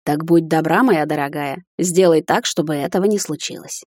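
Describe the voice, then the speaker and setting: A woman voicing a cold, imperious middle-aged high witch who speaks calmly and sternly. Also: moderate pace, no echo, studio quality. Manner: calm, stern, commanding.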